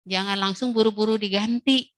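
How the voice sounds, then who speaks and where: A woman giving a casual, gentle parenting talk to mothers in a webinar, slipping into voices for children and mothers. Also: mid-range voice, fairly even intonation, a little fast, no echo. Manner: acts out child and mother voices in quoted dialogues.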